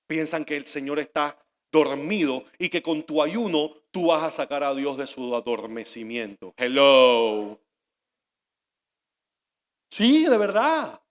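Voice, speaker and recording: High-voiced preacher in a reverberant hall. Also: male voice. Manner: animated, shifting between shouts and hushed asides. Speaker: pastor. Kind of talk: sermon. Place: church hall. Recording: long reverb of a large hall.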